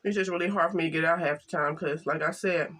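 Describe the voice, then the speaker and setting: An older woman chatting casually to camera while eating, halting and soft-spoken, with some stutters. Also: low voice, steady tone. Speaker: mukbang vlogger.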